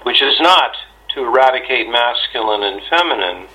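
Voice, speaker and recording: A man answering an interview question in a halting, thoughtful way, with many fillers, restarts and the odd throat-clearing. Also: medium pitch, expressive, pushed and bright, low-quality recording. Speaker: interviewee, shamanic astrology teacher.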